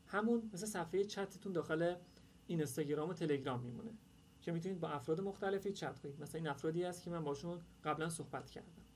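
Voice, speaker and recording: Presenting an online workshop, a man with a fairly high, darkish voice explains an app in a casual screen-share tutorial. He's informal and chatty, hesitating often with lots of "uh" fillers. Slight background noise is present.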